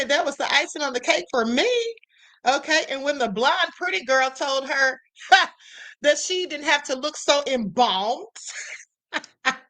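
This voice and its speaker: Sassy high-voiced woman streamer. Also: bright, forceful tone. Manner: sassy, emphatic, drawn-out asides. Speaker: live stream host. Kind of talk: casual commentary.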